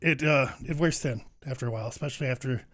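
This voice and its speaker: A man on a casual gaming podcast, still out of breath. He talks in halting, animated bursts and breaks into laughter. His pitch sits in the middle. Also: a little hiss or hum. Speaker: podcast co-host.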